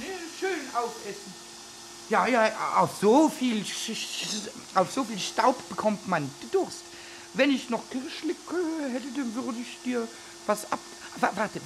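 Betrunkener Hörspiel-Kobold, kichernd, quietschig, leises Grundrauschen. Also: male voice, a little hiss or hum, heavily acted. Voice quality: high squeaky stammering voice, giggly. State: drunk, then hungover. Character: mischievous little male kobold, cheeky and childish. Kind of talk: radio play acting.

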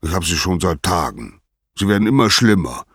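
A man's voice: low voice, big pitch swings, normal speed, fairly bright tone, husky, no echo, studio quality, full character voice. A man voicing Zeus as a mighty, grumpy old god-king suffering a headache, groaning and suspicious. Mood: irritable, aching.

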